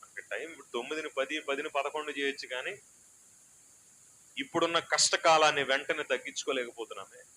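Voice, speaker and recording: Pastor guy preaching in a small church, sharp bright voice, goes loud then soft and chatty, bit of faint noise behind. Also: a little high, steady tone, fast, poor audio. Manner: swings between loud exhortation and soft, chatty asides. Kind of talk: sermon.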